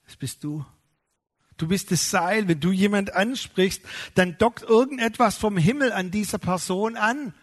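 A middle-aged man, a pastor, preaching a sermon with lively emphasis, slowing down on key words and acting out the voices of people he quotes. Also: high voice, husky.

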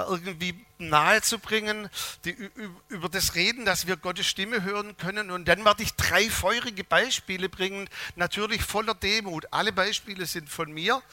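A man preaching a sermon to a congregation, telling humorous stories in a lively way and often changing how loudly he speaks. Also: high-pitched, moderate pace, no room sound. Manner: lively, humorous storytelling with shifts of loudness.

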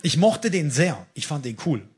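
A man preacher telling a lively testimony in a blunt, jokey, colloquial way, acting out the dialogue as he goes. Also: on the high side, normal speed, slightly rough. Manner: animated storytelling, acts out dialogue.

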